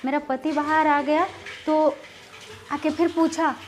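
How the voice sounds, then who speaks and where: A woman in her thirties vlogging, telling a personal story in a rambling, hesitant way with many filler words that turns agitated and loud. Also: high voice, steady tone, slow. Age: 30s. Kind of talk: casual storytelling vlog.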